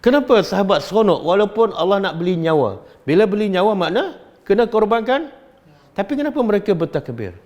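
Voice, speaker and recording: A middle-aged man with a Malaysian Malay accent, giving a religious study lecture and questioning his audience in an animated, teasing way. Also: sits high, a little fast, highs cut off. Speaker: religious teacher.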